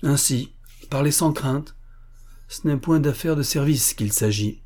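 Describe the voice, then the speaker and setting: A man's voice: mid-range voice, measured pace, warm tone, voice pushed up, close to an everyday voice. A man voicing a young captain of dragoons, speaking formally and earnestly to his men.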